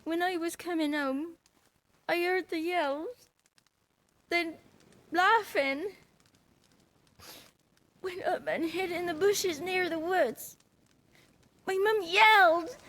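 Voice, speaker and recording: A woman voicing a small orphaned village child in a video game, defiant yet frightened, with a British accent and halting rustic speech. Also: very high voice, a bit bright, exaggerated voice. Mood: haunted, distressed.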